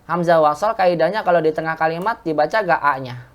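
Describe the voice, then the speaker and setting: A woman's voice: low-pitched, animated, brisk. A woman teaching an Arabic lesson to a class, explaining step by step and asking the class questions. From Indonesia. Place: mosque classroom.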